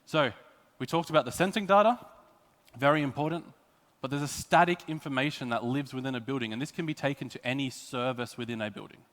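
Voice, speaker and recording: Rapid and fairly bright, an Australian man of medium pitch gives a prepared technical talk in a conference hall, laying out explanations with emphatic phrasing. The recording carries the long reverb of an echoey hall.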